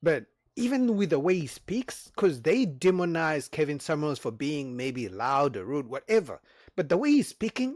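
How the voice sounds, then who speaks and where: A man hosting a reaction channel, giving animated, emphatic commentary on clips and talking straight to his viewers. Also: sits high, dry recording, clean studio sound.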